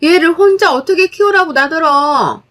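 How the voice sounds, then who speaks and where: A woman voicing a hysterical young sister-in-law who shouts and blames others in a storybook tale. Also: extremely high pitch, animated, normal speed, pitched above the performer's own voice. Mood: frantic. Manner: frantic, shouting and blaming.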